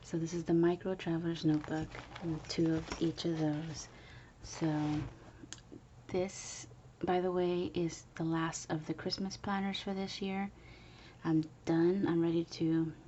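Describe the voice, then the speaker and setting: Woman whispering a casual craft show-and-tell at home, low voice, hiss in the background. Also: highs cut off. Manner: soft whispering, chatty, with fillers. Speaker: crafter showing handmade planners. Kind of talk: whispered early-morning craft video. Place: home, early morning.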